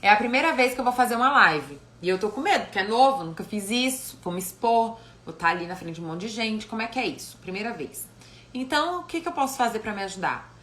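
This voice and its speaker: A woman psychologist gives an animated live-stream talk. She often ends phrases with tag questions. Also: on the high side, fast. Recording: echoey room with faint noise.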